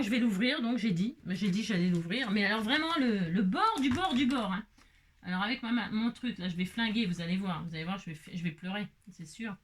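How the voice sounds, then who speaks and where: A woman hosts a casual crafting tutorial, chatting freely and half to herself as she works, with lots of little filler tags. Her voice is slightly high and a bit bright, with a little hiss or hum in the recording.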